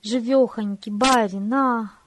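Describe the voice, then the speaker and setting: A woman's voice: a little high, fairly even intonation, takes it slowly, noisy background. A woman voicing a big, bony peasant coachman who speaks humbly and folksily to his young master. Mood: deferential. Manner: folksy, deferential.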